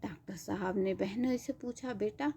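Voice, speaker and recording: A woman narrating a devotional story in a gentle, emotive manner. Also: on the high side, expressive, unhurried. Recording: dull lo-fi recording.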